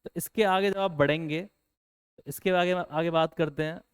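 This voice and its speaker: A male teacher gives an exam-prep lecture in a smooth, resonant voice that sits a little high. He keeps putting questions to his students and then answers them himself. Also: steady tone, moderate pace. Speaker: English teacher.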